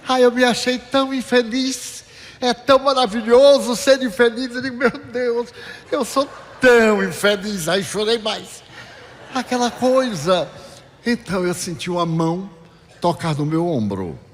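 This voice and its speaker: A man with a Bahian Brazilian accent giving a spiritual lecture, telling a personal story with dramatic swings in voice. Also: moderate pace. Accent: Brazilian Portuguese, Bahian. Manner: dramatic storyteller with big swings in pitch and loudness. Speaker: spiritist speaker. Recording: long reverb of a hall.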